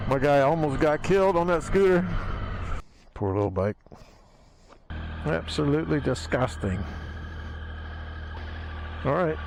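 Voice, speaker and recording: A man's voice: a little high, a little slow, pauses often. A man gives casual, slangy commentary to himself while riding a motorbike. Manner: chatty, slangy, musing to himself. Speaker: motorcycle vlogger. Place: outdoors on a moving motorbike in wet city traffic. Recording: outdoor wind, engine and traffic noise. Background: wind, vehicle and road noise.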